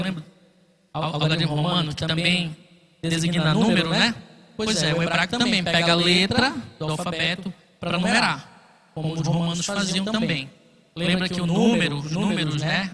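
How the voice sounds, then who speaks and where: Guy teaching bible class, high bright voice, keeps checking in, echoey hall. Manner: explains patiently, with frequent check-ins. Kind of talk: classroom lecture.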